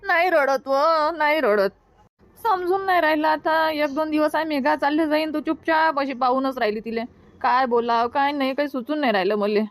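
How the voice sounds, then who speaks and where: A woman's voice: sits high, moderate pace, no echo, lightly acted. A woman voicing a tearful Varhadi village mother. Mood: sorrowful. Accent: Varhadi Marathi. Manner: lamenting, tearful. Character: grieving village mother marrying off her daughter. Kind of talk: cartoon comedy voice acting.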